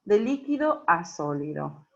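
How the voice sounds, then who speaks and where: A woman's voice: fairly low pitch, big pitch swings, measured pace, gravelly, darkish tone. A woman teacher explains a worksheet patiently, checking in often with the class. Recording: dull lo-fi recording.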